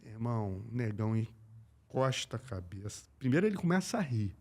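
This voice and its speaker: A man from Brazil, an MMA journalist, telling stories in a lively, slangy way on a casual podcast. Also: lowish voice, moderate pace. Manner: animated, slangy, acts out quoted voices.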